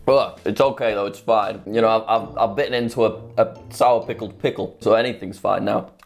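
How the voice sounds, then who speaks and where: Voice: medium pitch, fairly even intonation, brisk, gravelly, soft background music. A person giving casual, exclamatory reactions on a vlog while eating sour candy, giggly and dramatically complaining. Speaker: vlog presenter.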